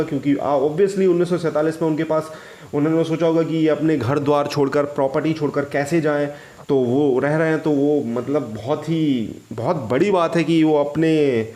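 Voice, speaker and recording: A man hosting a reaction video, talking to viewers in an agitated, halting way and restarting often. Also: on the high side, darkish tone. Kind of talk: casual commentary to viewers.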